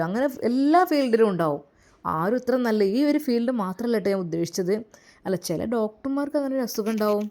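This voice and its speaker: A woman's voice: fairly low pitch, natural voice. A woman doing a protective young man giving advice. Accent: Malappuram Malayalam. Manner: earnest, protective advice, with soft endearments. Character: young man, caring protective friend, gently advising.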